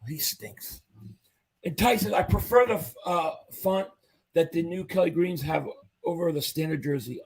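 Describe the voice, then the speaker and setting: Reading out live-chat comments as a cheerful sports fan, this host is clearly losing his voice, which sounds husky and faint. It sits a little high, moves at a moderate pace, and the recording quality is low.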